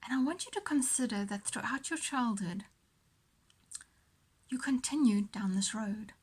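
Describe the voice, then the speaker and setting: Her voice slightly high and husky, a female host leads listeners through a guided visualisation with a motivational coaching feel. She speaks with deliberate care, pausing and repeating phrases.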